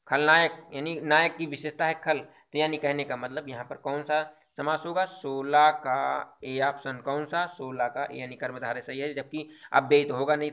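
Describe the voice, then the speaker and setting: A man's voice: on the high side, bright, forceful tone. A man teaching Hindi, going through exam questions one by one, explaining each answer with repetition and rhetorical questions. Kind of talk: exam quiz lesson.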